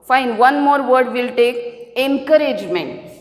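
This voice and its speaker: Woman teacher, slow deliberate explainer, reverberant room. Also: sits high. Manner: slow, repetitive, explaining step by step. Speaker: English teacher. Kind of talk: classroom grammar lesson. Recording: echoey room with long reverb.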